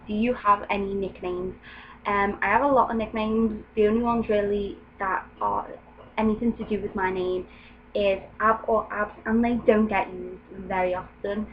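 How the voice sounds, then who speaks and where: Young woman, from England, casual chatty vlog, mid pitch, slightly dull home recording. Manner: chatty, with frequent ums and light laughs. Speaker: vlogger. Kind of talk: casual chat. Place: room at home with open window. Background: faint ambient noise through the window.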